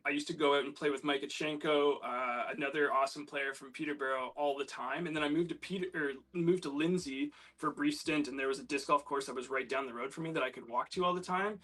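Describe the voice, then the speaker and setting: A Canadian man in his thirties talks as a guest on a casual show, rambling through his story with plenty of fillers and restarts. His voice is bright and a touch high for a man. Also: breathy edge, poor audio. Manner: rambling, many fillers, enthusiastic. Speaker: guest disc golf ambassador.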